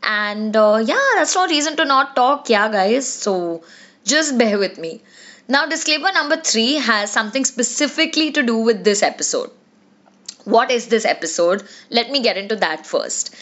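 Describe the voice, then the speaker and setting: Raspy-voiced young woman podcast host. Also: on the high side, animated, normal speed, a bit bright. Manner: chatty, confiding, many fillers. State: raspy voice from a cold. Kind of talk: solo podcast monologue. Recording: dull lo-fi sound.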